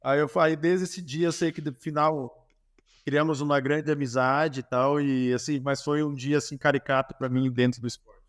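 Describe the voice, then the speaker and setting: A man's voice: on the high side, steady tone, moderate pace. A Brazilian man, a former goalkeeper, telling anecdotes in a casual interview, with many restarts and self-corrections.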